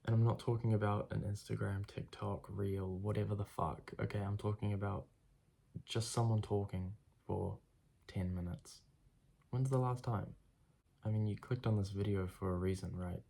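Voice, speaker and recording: Young man, congested, gravelly, dark mellow tone, blunt casual motivational vlog talk with swearing. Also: fairly low pitch, fairly even intonation, normal speed, a little hiss or hum. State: congested from a cold. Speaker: self-improvement vlogger. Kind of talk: direct-to-camera motivational talk.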